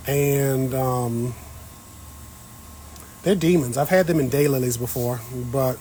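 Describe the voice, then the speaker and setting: Slow and warm, this man's medium-pitched voice comes with a little hiss or hum. As host of a casual gardening livestream, he chats with viewers while working the soil outdoors on his patio.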